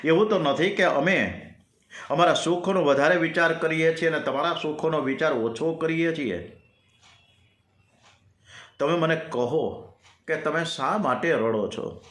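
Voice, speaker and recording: A man's voice: fairly high pitch, a little slow, long pauses, a bit bright. A man voicing a devoted male companion who anxiously pleads with his lord, in an earnest, questioning way. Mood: pleading worried. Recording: roomy echo.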